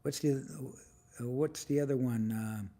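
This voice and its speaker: A man in his seventies hosting a casual livestream, chatting with viewers and firing off quick questions. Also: medium pitch, mellow. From United States. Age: 70s. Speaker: livestream host.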